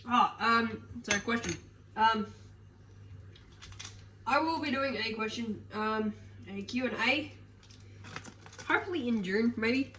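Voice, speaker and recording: A woman with a slightly high, sharp, nasal voice talks slowly, pausing at length, in a rambling get-ready-with-me vlog full of fillers and self-corrections. As she moves through her kitchen and other rooms, she's heard from a distance in an echoey space with household noise.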